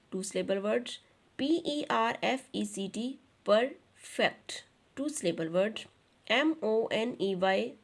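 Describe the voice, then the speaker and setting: A woman teacher giving an online lesson. She reads English sentences aloud slowly, explains them in Urdu, and spells words out letter by letter. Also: mid-range voice.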